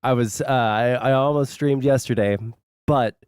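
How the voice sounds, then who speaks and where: A sick man with a hoarse smoker's rasp, chatting casually and bluntly on a livestream, halting and swearing. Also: medium pitch, a little mellow, no room sound, studio quality. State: sick, sore hoarse throat. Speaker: live streamer.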